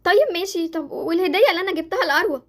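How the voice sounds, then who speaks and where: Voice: very high-pitched, expressive, racing. A young performer with an Egyptian accent voicing Jessie, a clingy, dramatic girl in a Roblox roleplay series. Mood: excited.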